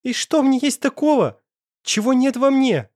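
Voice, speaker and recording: A man voicing a shrill, tearful young woman. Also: moderate pace, a little mellow, no echo, clean studio sound, close to an everyday voice. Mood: hysterical. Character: young woman, hysterical, pleading and heartbroken.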